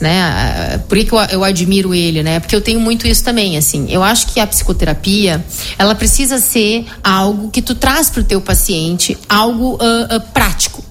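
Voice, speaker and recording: A middle-aged woman psychologist, explaining her method in an animated conversational interview, often tagging her sentences with "né?". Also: medium pitch, slight background noise. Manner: explanatory, animated, frequent "né?" tag questions.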